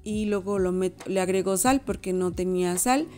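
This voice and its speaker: A woman's voice: medium pitch, moderate pace, dark tone, faint music behind. A woman, narrating a home decor and cooking vlog in a casual, chatty way and often correcting herself. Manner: chatty, self-correcting, addresses viewers as girls.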